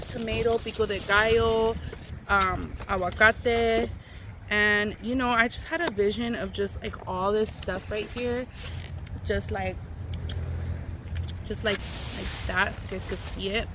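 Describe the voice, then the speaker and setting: A woman chatting casually and informally to camera as an eating-show host, peppering her talk with slangy exclamations. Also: mid-range voice. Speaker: mukbang vlogger, host. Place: outdoors in a park. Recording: clear outdoor ambient noise. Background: outdoor ambience, wind.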